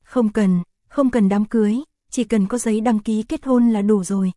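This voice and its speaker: A woman voicing an affectionate, pouty young man in an audio story, read in a soft, even voice. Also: medium pitch, normal speed, dry recording, clean studio sound, lightly acted. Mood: earnest.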